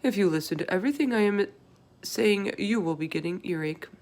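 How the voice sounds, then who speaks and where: A woman voicing a gentle, emotional storybook giant who talks in jumbled grammar and silly invented words. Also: medium pitch, animated, brisk, lightly acted. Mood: secretive. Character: gentle, tearful, kindly giant with jumbled childlike speech.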